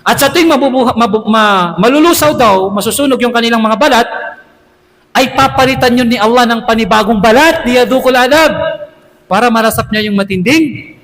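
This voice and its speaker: High-voiced imam preaching in a hall. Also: male voice, brisk, a bit bright. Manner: conversational, rhetorical questions, frequent "di ba?". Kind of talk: Islamic sermon.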